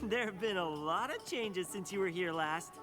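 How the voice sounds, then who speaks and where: Brief: a soft-hearted cartoon changeling leader, higher voice, lively delivery, music under it. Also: male voice, moderate pace. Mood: eager. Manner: earnest, eager to please. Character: gentle kind young male changeling ruler. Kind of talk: cartoon voice acting.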